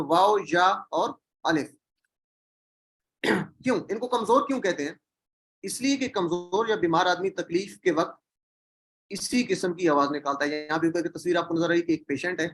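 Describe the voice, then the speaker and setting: A man teaching an online Quran lesson, asking the class questions and repeating key words. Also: high voice.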